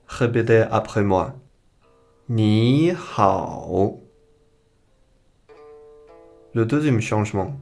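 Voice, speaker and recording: Slow, low-voiced male language teacher. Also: a little mellow. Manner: slow, careful explanation with modeled pronunciation. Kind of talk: beginner language lesson.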